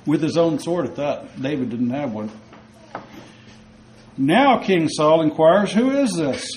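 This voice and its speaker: Male preacher, sermon storytelling, conversational, rhetorical questions, fairly high voice, faint background noise. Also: expressive, slow, rough recording.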